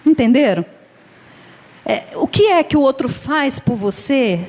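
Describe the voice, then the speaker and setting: Middle-aged woman, Brazilian Portuguese accent, fairly high voice, informal religious lecture, chatty, laughs a lot, long reverb of a lecture hall. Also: animated, unhurried, darkish tone. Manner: chatty and conversational, laughs often, acts out everyday dialogues. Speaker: guest speaker at a Spiritist center.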